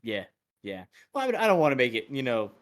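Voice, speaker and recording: A man's voice: medium pitch, big pitch swings, brisk. A man narrating as dungeon master of a tabletop game, casual and rambling, with lots of fillers.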